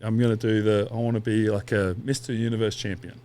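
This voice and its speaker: A man's voice: fairly low pitch, level tone, quick pace, darkish tone. A man, a podcast guest telling long stories in a casual, rambling way with quoted asides and swearing. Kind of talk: casual interview chat.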